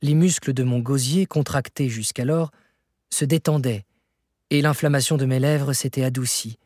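A man reading a classic novel aloud as scripted narration, measured and expressive. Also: medium pitch, no echo, studio quality. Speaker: audiobook reader.

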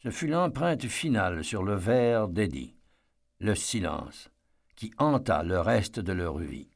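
A man reading a novel aloud as a narrator, in a measured, steady storytelling manner. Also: on the low side, creaky. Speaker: audiobook narrator. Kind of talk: scripted narration.

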